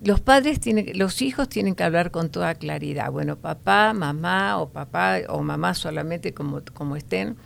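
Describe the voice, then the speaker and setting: Deep gravelly older woman. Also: lively intonation, slight background noise. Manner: measured, explanatory, many fillers. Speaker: host.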